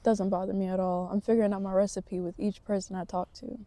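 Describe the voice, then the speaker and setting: Woman, casual vlog, reflective motivational rambling, dark mellow voice. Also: medium pitch, level tone, fast. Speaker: vlogger. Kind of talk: casual talking-to-camera vlog.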